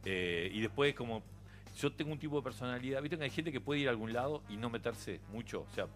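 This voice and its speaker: A middle-aged man with a Uruguayan accent, a radio interview guest chatting casually and telling animated stories with frequent laughter. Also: medium pitch, fast, faint music behind. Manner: animated storyteller, laughs often.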